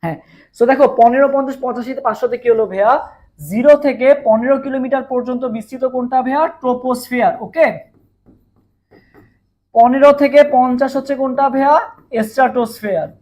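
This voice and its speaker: A man with a Bangladeshi Bengali accent teaching a live online chemistry class, his voice hoarse from a long day of teaching, repeating questions and drilling answers with students. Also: very high voice, fairly even intonation, quick pace, darkish tone.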